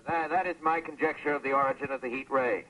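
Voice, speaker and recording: A sharp, forceful voice of a learned professor, set back from the microphone in a 1930s radio play. He speaks formally and deliberately, like a scholar reasoning aloud. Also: mid-range voice, fairly even intonation, muffled recording. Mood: grave, thoughtful. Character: learned male astronomy professor, measured and speculative. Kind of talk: 1930s radio drama acting. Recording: distant, old 1930s radio broadcast.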